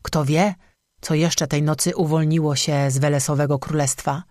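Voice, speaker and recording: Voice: medium pitch, fairly even intonation, normal speed, a little mellow, no echo, studio quality, natural voice. A narrator voicing a stout, stern innkeeper woman who scolds and gossips in an audiobook. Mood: gossipy. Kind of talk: audiobook character voice.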